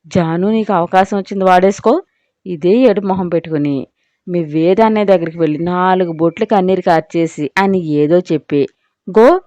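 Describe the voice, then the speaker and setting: A woman's voice: fairly low pitch, normal speed, dark tone, no echo, dull audio, close to an everyday voice. A woman voicing a playful, scheming young woman who coaxes a friend into a plan. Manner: coaxing, mischievous.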